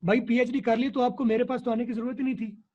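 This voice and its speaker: A man talks like a teacher, repeating key words so they stick. His voice is high for a man yet mellow and husky. The recording sounds dull and lo-fi. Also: level tone, fast talker. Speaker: English teacher. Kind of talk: explanatory interview answers.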